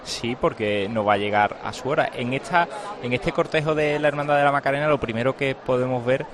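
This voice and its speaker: A man's voice: mid-range voice, brisk, a crowd in the background. A man commenting live alongside the anchor, filling in background details and explanations. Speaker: studio co-commentator.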